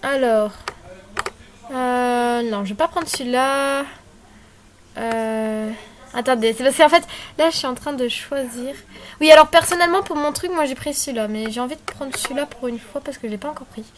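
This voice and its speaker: High-voiced young woman chatting. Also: moderate pace. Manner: chatty, rambling, many fillers and apologies. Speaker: tutorial maker. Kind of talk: casual screen-recorded tutorial. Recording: faint background noise and clicks.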